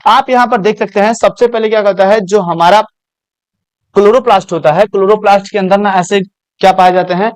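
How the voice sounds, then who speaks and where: High-voiced male biology teacher, dry sound. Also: a little mellow, no room sound. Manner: asks questions and answers them himself, calls students beta. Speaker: coaching teacher. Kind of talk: classroom biology lecture.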